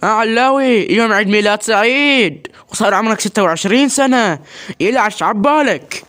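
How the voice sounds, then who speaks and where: A man's voice: high-pitched, a little fast, a bit bright. A man with an Iraqi Arabic accent acting out an improvised comic skit in several roles, hesitating and repeating his words. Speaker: comedy skit performer narrating game play. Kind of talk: improvised comic role-play skit, voicing several characters.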